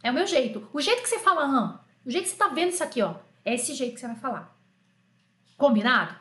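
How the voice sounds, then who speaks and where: A Brazilian woman with a high voice runs a live French lesson, talking straight to her learners in a chatty, joking way. The recording carries a noticeable room echo. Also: sing-song, fast, a bit bright. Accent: Brazilian Portuguese. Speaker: French teacher. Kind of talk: live online language lesson.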